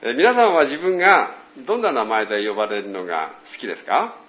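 A man preaching a sermon as pastor, telling stories with animated voiced quotes. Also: mid-range voice, fairly quick, echoey room, lo-fi sound.

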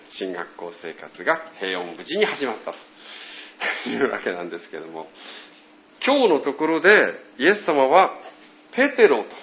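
A man preaching a sermon as pastor, telling stories with animated voiced quotes. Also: mid-range voice, echoey room, muffled recording, a little hiss or hum.

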